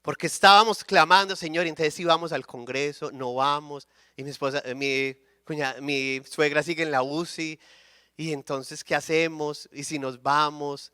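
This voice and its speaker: A male preacher giving a sermon full of personal testimony, speaking in a high, bright voice. His tone is smooth and crisp, and the sound is dry and close with no room echo. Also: steady tone, moderate pace. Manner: storytelling, acts out dialogue, checks in with "¿sí?". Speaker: conference speaker.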